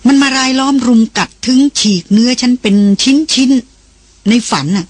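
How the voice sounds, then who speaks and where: A reader voicing a dazed, frightened young red-haired woman in an audiobook, speaking softly and pleadingly with a husky tone. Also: fairly high pitch, normal speed, no room sound, voice pushed up, natural voice. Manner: soft, bewildered and pleading. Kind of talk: audiobook dialogue reading.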